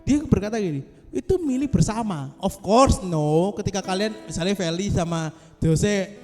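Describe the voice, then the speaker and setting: A man's voice: sits high, animated, moderate pace, a little mellow, long reverb tail, faint music behind. A male pastor, giving a casual, joking devotional talk to a small group over a video call. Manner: joking, chatty, self-mocking.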